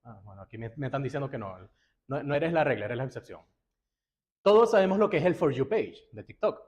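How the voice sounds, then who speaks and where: A man's voice: mid-range voice, animated, a little fast, a little mellow. A young man giving a conference talk to a live audience, telling it like a story and acting out his own reactions. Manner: casual storytelling with acted-out reactions. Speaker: guest lecturer.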